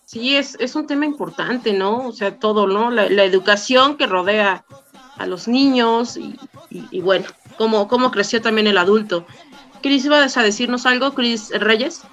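A Mexican woman with a slightly high voice who hosts a casual podcast panel. She chats easily and hands the conversation on to her guests. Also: normal speed, a bit bright, soft background music. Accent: Mexican Spanish. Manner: chatty, hands the turn to others. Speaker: podcast host.

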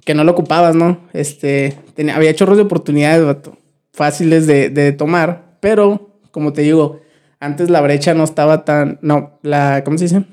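Young mexican dude chatting loose and slangy, kinda high but mellow voice. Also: male voice, moderate pace. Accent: Mexican Spanish. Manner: relaxed slangy, frequent restarts and fillers. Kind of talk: casual chat.

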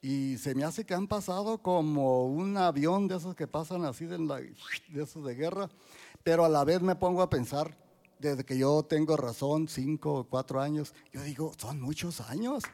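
A man, giving a church testimony in a halting way, full of restarts and fillers. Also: fairly high pitch, dark tone. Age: 60s.

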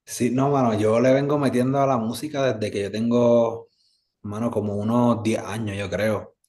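In a relaxed interview, this Puerto Rican musician guest wanders through his answers with plenty of fillers, in an easygoing way and a Puerto Rican Spanish accent. He has a mid-range, slightly mellow voice, a steady tone and a moderate pace.

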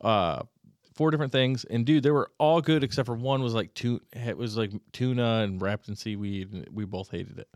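A man in his thirties, chatting casually on a podcast. He rambles, stumbles and restarts his sentences. His voice sits mid-pitch, and the recording is dry and close. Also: moderate pace, no room sound. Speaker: podcast co-host. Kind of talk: casual chat.

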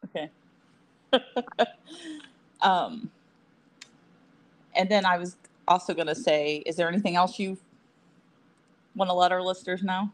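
A woman co-hosting a casual podcast, chatty and quick to laugh, with self-deprecating asides. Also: fairly low pitch, fairly even intonation. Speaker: podcast co-host.

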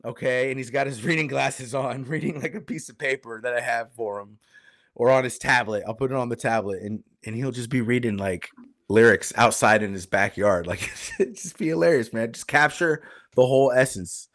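A man's voice: mid-range voice, normal speed, fairly bright tone, dry recording, clean studio sound. A young man co-hosting a podcast in laid-back, slangy casual chat. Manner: laid-back slangy banter, says bro and dude. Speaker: podcast co-host.

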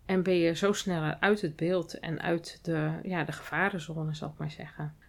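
A woman hosting her own podcast, talking in a calm, thoughtful and explanatory way in a reflective solo monologue. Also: low-pitched, normal speed, vocal fry. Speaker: podcast host and hospital clown.

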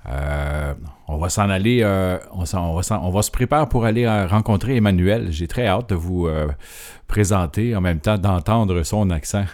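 Male host, Quebec French accent, deep voice, casual and rambling, lots of hesitations. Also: moderate pace, darkish tone. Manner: rambling, hesitant with many filler sounds. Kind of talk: casual radio-style presentation.

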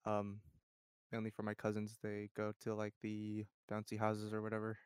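Smooth, laid-back young man. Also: monotone, normal speed, no echo, clean studio sound. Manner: low-key, soft-spoken, laid-back. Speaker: podcast co-host. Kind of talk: casual chat.

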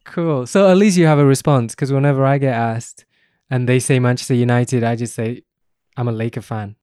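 A man's voice: medium pitch, brisk, a little mellow, smooth, no room sound, studio quality. A man, hosting a podcast in casual chat and laughing often. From England. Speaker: podcast host.

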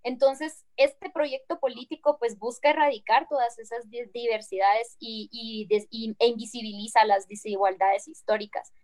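A woman from Guatemala with a Guatemalan accent and a somewhat high voice. She speaks earnestly and thoughtfully as an interview guest. She keeps checking in with her listener as she talks. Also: steady tone, normal speed, few pauses, darkish tone. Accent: Guatemalan Spanish. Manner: reflective, earnest, tags phrases with "¿no?". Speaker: guest activist. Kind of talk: conversational interview.

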